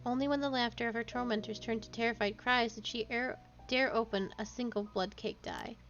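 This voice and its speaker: A woman's voice: on the high side, fairly even intonation, brisk, a bit bright, lo-fi sound. A woman streamer reading a novel aloud, now and then slipping and correcting herself. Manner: storytelling, small slips and self-corrections.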